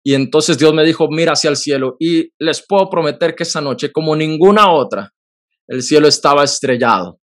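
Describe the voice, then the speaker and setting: An earnest man in his 30s hosts a podcast and shares a personal faith story in conversation. His voice sits a little high, and he speaks with feeling in quick bursts.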